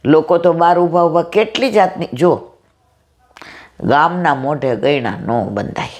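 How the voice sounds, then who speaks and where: A middle-aged woman with a loud, powerful voice, giving a devotional storytelling discourse and acting out the dialogue in her stories. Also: low-pitched, a little slow. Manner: retells stories with quoted dialogue. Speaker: satsang speaker.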